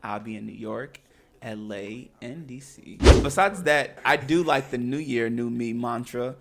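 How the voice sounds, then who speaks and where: A man's voice: mid-range voice, unhurried, creaky, very noisy. A man co-hosting a podcast in casual chat, talking in an earnest, encouraging way. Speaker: podcast co-host.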